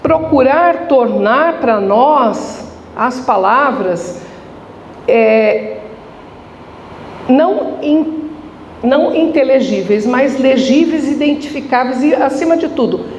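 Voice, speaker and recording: A woman's voice: high-pitched, lively intonation, slow, pauses often, darkish tone. Brazilian woman lecturing in an echoey hall. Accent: Brazilian Portuguese. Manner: conversational, asks rhetorical questions. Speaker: spiritist lecturer. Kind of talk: religious lecture. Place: spiritist center hall. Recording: echoey hall with faint noise.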